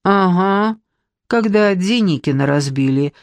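A storyteller voicing a loud, sharp-tongued, stout woman, mocking and domineering. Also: medium pitch, lively intonation, measured pace, no echo.

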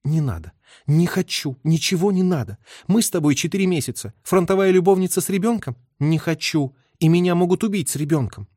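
A man's voice: fairly high pitch, animated, fairly quick, dark tone, husky, no echo, clean studio sound, pitched above the performer's own voice. A man voicing a young woman, a wartime army nurse, who speaks in a bitter, stubborn, reproachful way.

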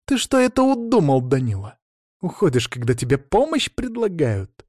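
A man's voice: on the high side, sing-song, quick pace, darkish tone, slightly rough, dry recording, studio quality, voice pushed up. A man voicing a stern, fierce woman healer who scolds and threatens in an audiobook. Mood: scolding.

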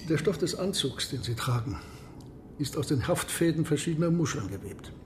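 An actor playing a proud, secretive submarine captain in a radio drama, speaking in a measured, formal, imperious way. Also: male voice, fairly high pitch, animated, noisy background, lightly acted. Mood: reverent, fervent.

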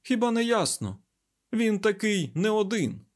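A man voicing an agitated male scientist in an audiobook, loud and urgent. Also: high-pitched, expressive, moderate pace, pitched above the performer's own voice. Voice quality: loud, raised, breathless urgency. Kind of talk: audiobook character voice.

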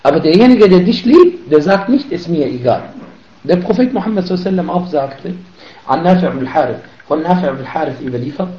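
A man's voice: a little high, lively intonation, fast, mellow. A man giving a sermon lesson on hadith, speaking emphatically and rising sharply when he stresses a point. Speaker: preacher teaching hadith. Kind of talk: sermon lesson switching between Arabic reading and German explanation. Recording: echoey, dull room recording.

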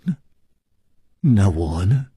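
A man voicing an agitated young male heir who stammers in shrill, disbelieving outbursts. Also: very animated, extremely slow, dark tone, breathy edge, no echo, studio quality, exaggerated voice.

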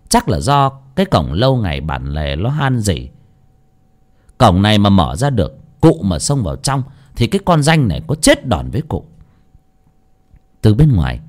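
A man narrating a ghost story with a lively, dramatic reading. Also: on the low side.

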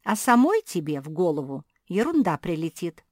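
A woman voicing a calm, motherly adult female dog in an audiobook, giving measured advice. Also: fairly low pitch, no echo, clean studio sound. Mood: instructive.

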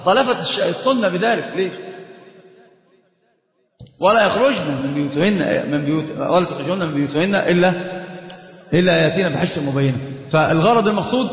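Sheikh teaching fast, highish voice, echoey hall, kinda dull lo-fi sound. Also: male voice. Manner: lively, quick, asks students questions; mixes Egyptian colloquial Arabic into classical. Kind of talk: religious lesson.

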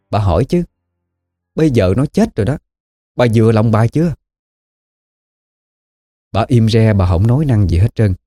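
A man with a Southern Vietnamese accent telling a spooky story in a relaxed, folksy way. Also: on the low side. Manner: relaxed folksy storytelling with lively rises and falls.

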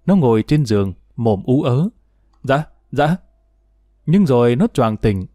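A man narrating a dramatic audio story with expressive, emotional delivery. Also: medium pitch, no room sound, clean studio sound.

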